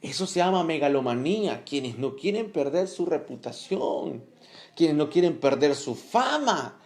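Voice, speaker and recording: A man preaching a sermon with animated exclamations, acting out little scenes and repeating phrases for emphasis. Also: fairly high pitch, measured pace.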